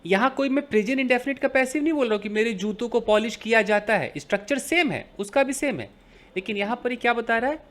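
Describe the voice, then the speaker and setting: A man's voice: extremely high pitch, quick pace, fairly bright tone. Hindi-speaking man teaching English grammar. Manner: explains with everyday examples, asks and answers his own questions. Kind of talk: grammar lesson.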